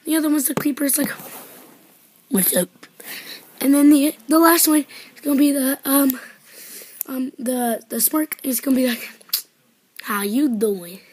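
A woman's voice: sits high, flat delivery, brisk, a little mellow, no room sound. A woman vlogging casually to her viewers, rambling with many fillers in an upbeat way. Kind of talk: casual vlog chat.

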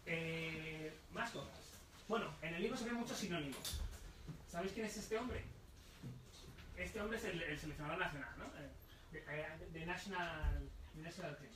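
A high-voiced man gives a live talk at a bookshop, explaining patiently and throwing questions to the audience. The room is echoey and he sounds distant from the mic. A faint murmur of room noise sits underneath. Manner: explains slowly, repeats words, asks the audience questions. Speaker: book author presenting his book.

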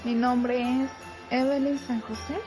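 Woman, high voice, talks slow and careful, music behind. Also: little pitch movement, poor audio. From Guatemala. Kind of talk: recorded holiday greeting.

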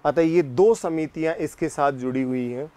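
A man's voice: on the high side, dark tone. A man teaching political science in a classroom lecture, asking questions and answering them himself and repeating the key points. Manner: slow, deliberate delivery.

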